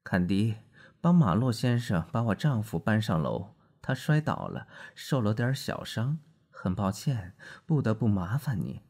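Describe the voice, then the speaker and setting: A man voicing a refined, anxious middle-aged wife who speaks softly and apologetically. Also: fairly low pitch, very animated, unhurried, voice pushed up, exaggerated voice.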